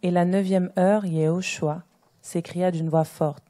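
A woman reading scripture passages aloud in a steady, even manner during a sermon. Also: lowish voice, a little slow. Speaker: scripture reader.

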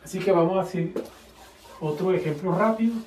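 A man gives a relaxed video lesson, working through each step slowly and spelling out example phrases with care. His voice sits a little high and carries some distance from the mic, in a roomy space that echoes with faint noise behind him. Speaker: Chinese teacher. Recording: echoey room, voice a bit far from the mic.

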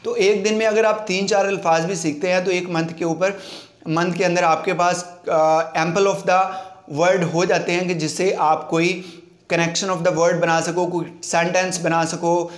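Man, fairly high voice, spoken lesson, switches into English phrases, repeats words slowly, roomy echo. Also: flat delivery. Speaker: English-speaking tutor. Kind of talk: instructional talk to camera.

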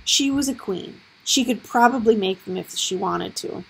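A woman's voice: mid-range voice, normal speed, gravelly, breathy edge. A woman voicing an anxious, stubborn young boy with an urgent, pleading way of talking.

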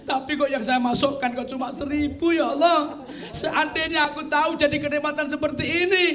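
A man's voice: extremely high pitch, fairly even intonation, fairly quick, pushed and bright, recorded from a distance, voice pushed up. A man voicing a regretful dead woman who pleads to God from the grave. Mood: pleading. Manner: pleading, lamenting. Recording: audience noise behind.

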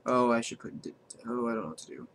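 A man's voice: mid-range voice, fast, slight background noise. Man thinking aloud over a card game. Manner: thinks aloud, counts damage out loud. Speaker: streamer. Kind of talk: live gameplay commentary.

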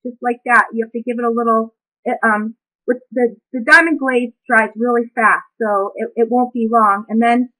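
A woman with a bright, high-leaning voice walks through a craft project step by step. She speaks in a calm, reflective, unhurried way, narrating what her hands are doing. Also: low-quality recording. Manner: talks through each step as she works. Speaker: craft demonstrator. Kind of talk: craft demonstration.

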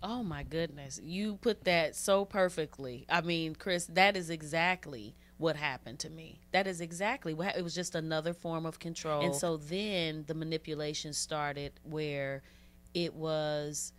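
A woman's voice: low-pitched, a little slow, fairly bright tone. A woman guest in an interview, telling her own story in an earnest, heartfelt way and repeating phrases for emphasis. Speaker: interview guest, abuse survivor. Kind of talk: personal testimony in an interview.

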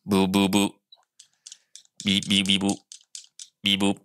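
A man's voice: low-pitched, completely flat delivery, slow pace, bright, forceful tone, clean tone, dry recording, studio quality, full character voice. A man putting on a beeping robot voice while playing a video game. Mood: playful beeping. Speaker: gamer. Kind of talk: playful game commentary.

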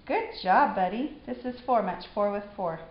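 Woman, mother teaching reading, patient, warm praise, lively pitch, echoey slightly dull home recording. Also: normal speed. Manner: encouraging, patient, repetitive praise. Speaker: mother teaching her son sight words. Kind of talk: one-on-one reading drill.

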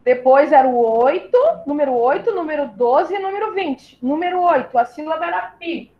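The sound is lo-fi, and the woman's voice sits high. She's a southern Brazilian primary school teacher running an online class, patiently taking small children through syllables at a slow pace and calling them "my love."

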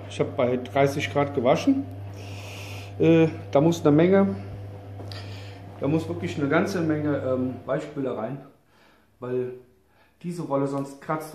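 This middle-aged German outdoor-gear vlogger has a voice on the high side with a dark tone. Casual and rambling, he reviews gear in a joking, colloquial, informal style with some mild swearing. Recorded indoors in a concrete basement laundry room by a camera mic a few steps away, the audio is echoey and distant, with background noise.

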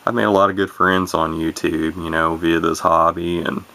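A hobbyist YouTuber from Illinois, USA, shows off vintage radios while talking casually and unscripted to the camera. His low, gravelly voice has a bright edge and stays monotone at a moderate pace. He rambles, running his words together with many fillers and restarts.

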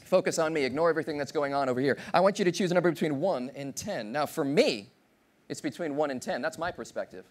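A man in his thirties giving a motivational keynote on a large conference stage, playful and animated, teasing and quizzing the audience. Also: a little high, fast. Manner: animated, playful, audience-engaging, acts out voices. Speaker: keynote speaker.

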